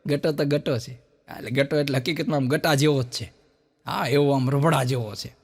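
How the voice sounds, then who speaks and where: A man's voice: mid-range voice, moderate pace, vocal fry, breathy edge. A middle-aged man telling jokes on stage and acting out the people in his stories. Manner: animated storyteller, voices quoted characters. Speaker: stand-up comedian. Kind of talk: Gujarati joke telling, acting out dialogue.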